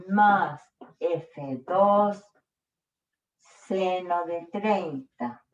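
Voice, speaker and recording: Woman, physics teacher, distant and muffled, unhurried classroom explaining. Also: mid-range voice, a little mellow. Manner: slow, checks in with frequent "¿ya?". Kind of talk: explaining a worked problem. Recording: echoey room, distant dull mic.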